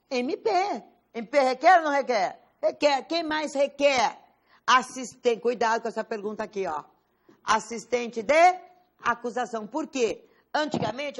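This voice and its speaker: A Brazilian Portuguese woman teaching a law class, quizzing students with rhetorical questions and stressing key words. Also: high voice. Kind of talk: classroom lecture.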